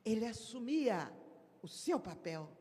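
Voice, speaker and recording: Slow-speaking woman giving a spiritist lecture. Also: on the high side, very animated, dark tone. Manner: emphatic, acts out little dialogues. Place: large hall at a spiritist event. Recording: reverberant lecture hall.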